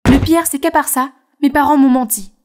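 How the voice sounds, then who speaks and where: A woman plays a shy young artist narrating her own cartoon story. Her voice is high and expressive, and she tells the events with feeling. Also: normal speed, natural voice. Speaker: narrator and heroine. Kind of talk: animated story dub narration.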